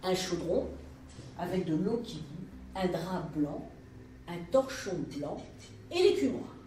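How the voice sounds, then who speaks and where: A female storyteller telling a folk tale in a lively, colloquial way. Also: fairly low pitch, takes it slowly, slight background noise. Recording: roomy live room, mic at a distance.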